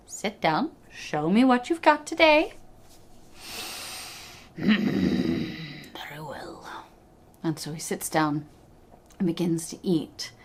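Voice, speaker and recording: A woman telling a fairy tale in an expressive, playful way, dropping to hushed asides. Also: on the low side. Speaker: storyteller.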